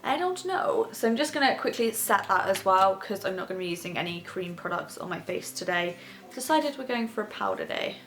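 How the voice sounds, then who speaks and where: A woman's voice: medium pitch, brisk, a bit bright. A young woman chatting casually and rambling a little as she does her makeup, vlogging from her bedroom. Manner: rambling, casual, talks while doing makeup. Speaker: beauty vlogger host. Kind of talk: chatty get-ready-with-me makeup tutorial. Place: bedroom, sitting on her bed.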